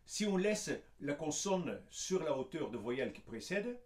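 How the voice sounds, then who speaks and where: A man with a high speaking voice coaches singing at an unhurried pace. He explains each point patiently and breaks into short sung demonstrations. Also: sing-song. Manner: patient, explains, then sings examples. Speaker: vocal coach.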